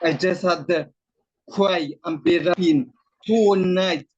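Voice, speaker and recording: Man with a shaky, husky voice. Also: sits high, a little mellow, no room sound. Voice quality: voice shakes from throat muscle tremor. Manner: earnest, deliberate storytelling. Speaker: author guest. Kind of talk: personal testimony in an interview. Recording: muffled lo-fi call audio.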